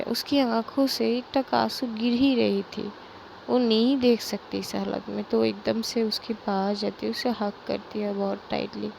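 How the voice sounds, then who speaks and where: Young woman narrator, casual unscripted storytelling, unhurried, slight fry. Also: mid-range voice, a little mellow, a little hiss or hum, poor audio. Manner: slow, unscripted, with fillers and restarts.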